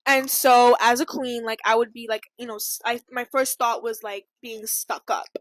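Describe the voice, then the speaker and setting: Young woman, high-pitched, giggly, rambling, casual podcast chat, dry close mic. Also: fairly even intonation, moderate pace, no room sound. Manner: giggly, rambling storytelling full of fillers. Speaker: podcast co-host.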